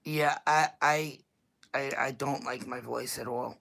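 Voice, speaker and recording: A woman with a very low, deep, creaky and slightly bright voice talks in a thick Staten Island New York accent. She's a YouTube vlogger chatting bluntly and loosely to viewers on a livestream, unhurried and fairly even in intonation, laughing often. It's captured on a plain home computer mic.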